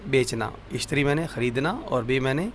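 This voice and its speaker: A man leads a vocabulary lesson at a patient, repetitive pace. He says each word several times and asks the listener what it is called. His voice sits in a middle pitch, with a faint hum of noise behind it. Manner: slow, repetitive drilling of words. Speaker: Arabic teacher.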